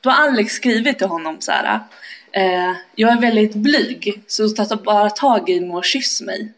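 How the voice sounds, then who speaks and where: A young woman with a Swedish accent from around Kumla tells a story in casual chat. She acts out the lines of the people in it, swears freely and laughs often. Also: medium pitch. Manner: animated, swearing, laughing often, acting out quotes.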